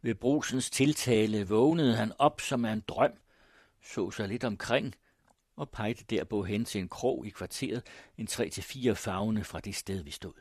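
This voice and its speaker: Husky, low-voiced male narrator. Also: a little mellow, no room sound, clean studio sound. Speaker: audiobook narrator. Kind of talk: first-person storybook narration.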